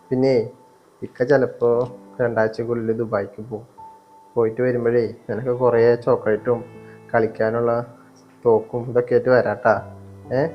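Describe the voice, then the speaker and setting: A man's voice: medium pitch, dull audio, close to an everyday voice. A young man playing a hurt, patient stepson in an amateur family short film. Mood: gentle. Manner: hurt, pleading, quick and flat. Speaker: elder stepson in a family skit.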